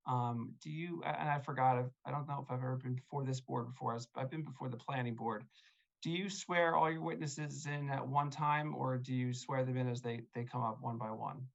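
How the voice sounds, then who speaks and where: Through dull lo-fi video call audio, the attorney for the applicant addresses a zoning hearing, politely and hesitantly, with many fillers. His medium-pitched voice is steady and fairly quick, with noticeable vocal fry.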